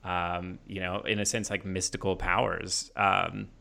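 A man's voice: low-pitched, little pitch movement, a little slow, creaky, sharp tone. A man in his thirties hosting a casual chat, musing in a laid-back way and laughing easily. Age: 30s.

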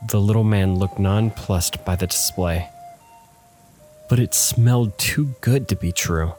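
A man narrating a fantasy storybook in a steady, descriptive reading. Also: on the low side, unhurried. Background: faint music and rain.

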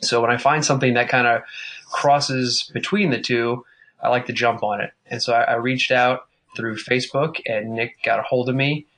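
A man's voice: medium pitch, steady tone, moderate pace, a bit bright. A man hosting a fitness podcast, welcoming his guest in a loose, upbeat way with fillers. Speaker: podcast host. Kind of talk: casual interview hosting.

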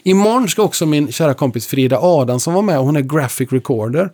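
A man working as a lecturer and musician, telling stories in a relaxed conversation with lively delivery. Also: a little high. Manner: lively, animated storyteller. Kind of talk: conversational storytelling.

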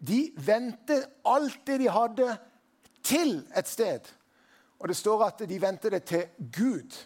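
High-voiced man preaching conversationally. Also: expressive, a little mellow. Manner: conversational, asks the congregation questions. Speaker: pastor. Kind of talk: sermon.

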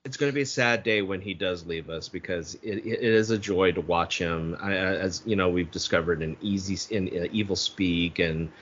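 A man's voice: low voice, normal speed, hardly any pauses, a bit bright. A man co-hosting a podcast, chatting casually about a movie with loose, profane talk and many restarts. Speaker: podcast co-host. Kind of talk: casual movie review chat. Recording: dull lo-fi podcast audio.

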